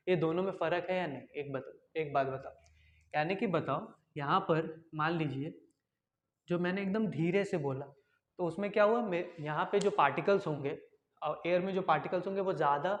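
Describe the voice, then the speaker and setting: Tutor, male, high voice, quizzes himself aloud, echoey room. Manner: repeats questions and answers them himself; switches between quiet and loud to demonstrate. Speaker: science teacher. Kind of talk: online science lesson.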